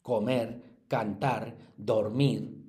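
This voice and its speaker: A man's voice: on the low side, steady tone, very slow, mellow. A man, teaching a lesson review and patiently reciting conjugation examples in a sing-song list.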